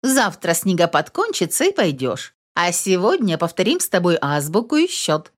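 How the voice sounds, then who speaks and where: A woman voicing a stern, practical older grandmother who talks briskly and scolds in a storybook reading. Her figure sounds commanding and set on getting her way. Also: lowish voice, huge pitch swings.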